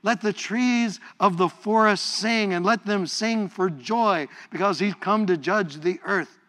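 A middle-aged male pastor preaching a sermon, playful and lively, often repeating words and leading the congregation in call-and-response praise. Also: high voice, a little slow.

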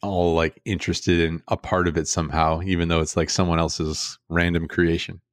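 A man's voice: deep voice, little pitch movement, moderate pace, no room sound, studio quality. A young man co-hosting a podcast, talking casually in a rambling way with lots of fillers. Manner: rambling, many fillers and restarts. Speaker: podcast co-host.

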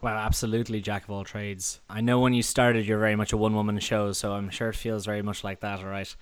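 A man's voice: lowish voice, little pitch movement, quick pace, clean tone. A man with an Irish accent presenting and interviewing as a podcast host.

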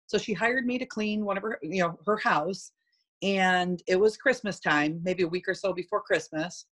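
A woman's voice: medium pitch, normal speed, a bit bright. A middle-aged woman, a guest in an interview, telling a personal story candidly and animatedly.

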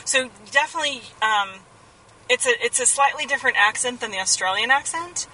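An enthusiastic woman co-hosting a podcast in casual, chatty talk. Her voice is bright and a little high. She sits back from the mic, with faint noise behind her. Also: expressive, brisk, recorded from a distance, rough recording. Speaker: podcast co-host. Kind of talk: casual chat.

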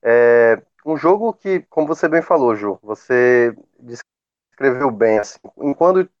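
A man's voice: mid-range voice, lively intonation, measured pace. A man from giving casual, chatty football commentary on a podcast. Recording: dull lo-fi remote recording.

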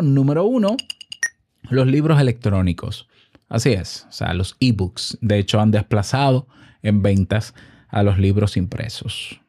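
With a warm, mid-range voice and a Dominican accent, a host from the Dominican Republic gives an informal online explainer about business. He teaches by asking his own questions and then answering them.

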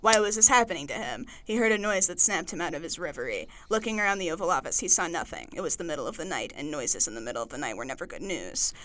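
A podcast co-host reading odd fan fiction aloud in a deadpan, mock-dramatic way. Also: mid-range voice, fast talker, few pauses.

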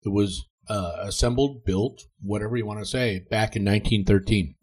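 Husky older man, dry teasing. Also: on the low side, fairly even intonation, moderate pace, a little mellow, rough recording. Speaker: guest hunter. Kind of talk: casual chat.

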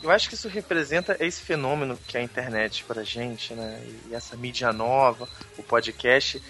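A man's voice: medium pitch, normal speed, pushed and bright, faint music behind. A man with a Rio de Janeiro state accent, talking casually as a podcaster. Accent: Rio de Janeiro state Brazilian. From Niterói, Rio de Janeiro state, Brazil. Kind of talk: casual chat.

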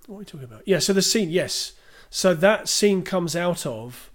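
A man's voice: sits high, animated, normal speed. A man co-hosting a podcast, chatting casually about a film, retelling its scenes and reading out listener questions. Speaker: podcast co-host.

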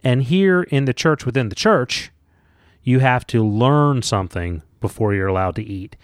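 A man's voice: mid-range voice, animated, moderate pace, no room sound. Man, casual book podcast co-host, jokey and playful, mid-range voice, dry close sound. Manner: jokey, bursts into silly sing-song bits.

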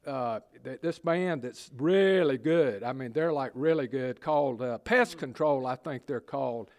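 An improv actor playing a bumbling Southern small-town mayor who stammers and fumbles through fillers while delivering bad news. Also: male voice, medium pitch, unhurried, a little mellow, close to an everyday voice. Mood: sheepish. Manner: hesitant, stammering, full of fillers.

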